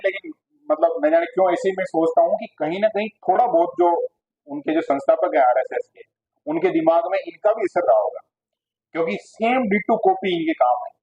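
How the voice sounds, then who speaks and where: A male teacher gives a classroom lecture, his voice sitting a little high for a man. He asks his students questions and then answers them himself. The recording is dull and lo-fi. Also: a little mellow, slightly rough.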